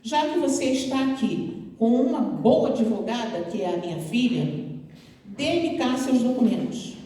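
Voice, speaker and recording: A woman voicing a kindly, fatherly director who speaks in a measured, gently formal way. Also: fairly high pitch, expressive. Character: kindly middle-aged man, medical school director, fatherly. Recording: echoey hall, mic far off.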